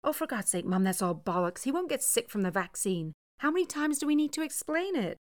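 Woman reader voicing a protective young aunt, impatient, pitched up and sharp. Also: very animated, fairly quick, no echo, clean studio sound. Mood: exasperated.

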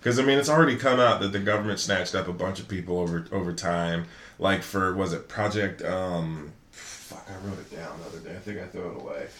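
Rambling, low-voiced man in casual chat. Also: fairly even intonation, a little fast, fairly bright tone. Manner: rambling, profane, loses his train of thought. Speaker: podcast co-host. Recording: roomy echo.

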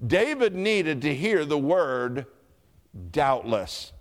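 A man's voice: a little high, big pitch swings, unhurried. A male pastor with a Southern US accent preaching a sermon emphatically, stretching key words and repeating himself.

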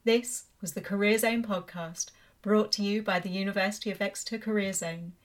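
A woman closes a podcast episode in a friendly, upbeat way. You can hear the smile in her voice, which sits at a middle pitch. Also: steady tone, fairly quick. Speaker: podcast host. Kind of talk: scripted podcast outro.

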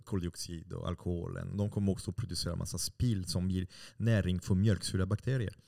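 Gravelly low man. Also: steady tone, dark tone. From France. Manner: passionate, explaining at length with many restarts. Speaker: podcast host and baker. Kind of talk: casual podcast conversation.

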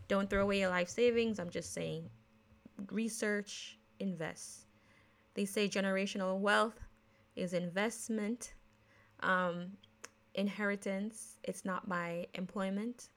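A Jamaican woman with a Jamaican accent blended with American speech hosts her own podcast, talking casually and solo about investing. Her mid-range voice moves slowly, and she's chatty, full of fillers and restarts, and laughs at herself.

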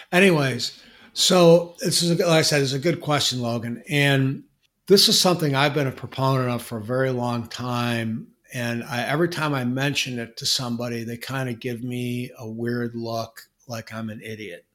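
A man with a mid-range voice co-hosts a podcast and takes on a listener's question. The chat is casual, and he explains things in a relaxed way, often restarting his sentences.

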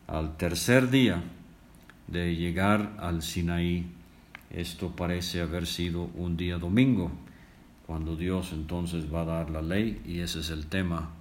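Slow, very deep-voiced Bible teacher man. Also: steady tone, slight background noise. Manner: slow, deliberate reading with frequent filler pauses. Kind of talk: unhurried Bible study commentary.

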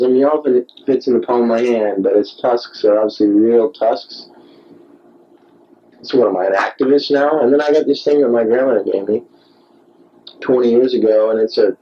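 A man recorded on a tape recorder like a dictaphone, rambling alone late at night in a digressive, repetitive, self-mocking way. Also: mid-range voice. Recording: dull home tape recorder.

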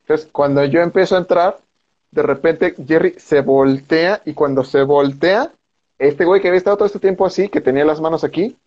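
A man's voice: on the high side, brisk, highs cut off. A man with a Mexican accent, a film director guest, telling a long anecdote in casual slang and acting out the voices of the people in it. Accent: Mexican Spanish. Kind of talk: animated storytelling anecdote.

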